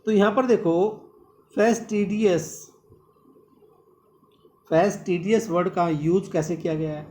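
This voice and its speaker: High-voiced man teaching vocabulary. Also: steady tone, unhurried, a little mellow. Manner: repeats words often and calls the students "my dear". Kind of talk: exam-prep vocabulary lesson.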